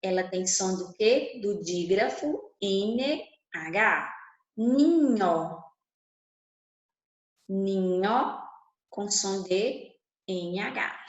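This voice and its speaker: A woman teacher, a native Portuguese speaker, walks her students through a Spanish lesson at an unhurried pace. She explains patiently, step by step, and keeps asking the class questions. Her voice sits in the middle range and rings out in a roomy, echoey space. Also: mid-range voice, lo-fi sound.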